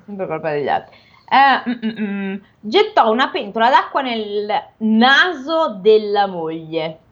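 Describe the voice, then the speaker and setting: A woman's voice: medium pitch, very animated, measured pace, muffled recording. A woman co-hosting a podcast, reading a fairy tale aloud and chatting about it playfully, sometimes tripping over words. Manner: playful, stumbles and chuckles over the text. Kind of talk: reading aloud with casual chat.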